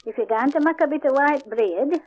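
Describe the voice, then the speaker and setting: A woman's voice: high-pitched, a little fast, darkish tone. An older woman with a broad, old-fashioned Yorkshire accent, explaining step by step in homely, informal dialect. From Yorkshire, England. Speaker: home baker, dialect speaker. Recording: dull lo-fi 1950s archive recording.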